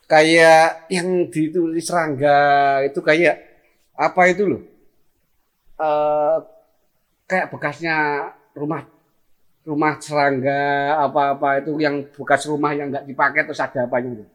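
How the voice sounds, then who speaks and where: A man's voice: fairly high pitch, level tone, a little slow. A man with a Javanese accent telling a story in casual chat, acting out scenes with sound effects. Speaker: guest telling a tall tale.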